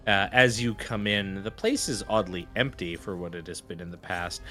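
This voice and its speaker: A man running a tabletop role-playing game as game master, narrating in a casual, halting way. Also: low voice, bright, forceful tone. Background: background music.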